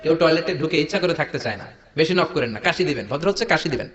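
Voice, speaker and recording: A man with a Bangladeshi Bengali accent preaching a sermon, jokey and animated, firing rhetorical questions at the crowd. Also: fairly high pitch, racing. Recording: echoey hall, dull lo-fi sound.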